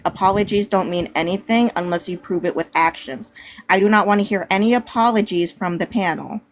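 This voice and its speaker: A woman speaks bluntly and fiercely during a live panel discussion. She swears often and talks straight to her listeners. Her pitch sits in the middle of the usual range. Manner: blunt, fiery and profane.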